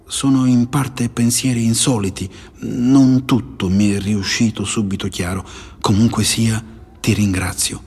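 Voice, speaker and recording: A man narrator voicing a humble, devoted old male seeker who speaks softly and reverently. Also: fairly low pitch, fairly even intonation, measured pace, husky. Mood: pleading, reverent. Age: older. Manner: soft, pleading, reverent.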